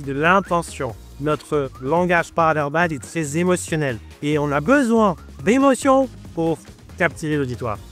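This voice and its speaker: A man teaching a lesson on speaking voice, lively and expressive, who keeps shifting his pitch and pace to show what he means. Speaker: public speaking trainer. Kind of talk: video lesson on voice and tone.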